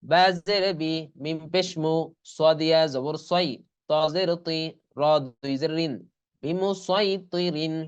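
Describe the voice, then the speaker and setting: A man with a voice on the high side, smooth and fairly even in intonation, teaches Quran reading over an online class, captured in a muffled recording. His method is slow and careful: individual letters and vowels first, then each full word drawn out.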